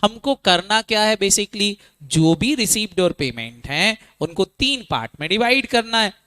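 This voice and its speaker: A man teaching accounting in a classroom lecture, speaking Hindi mixed with English terms and drilling students with quick call-and-response questions. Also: high-pitched, lively intonation, bright, forceful tone, smooth, no echo.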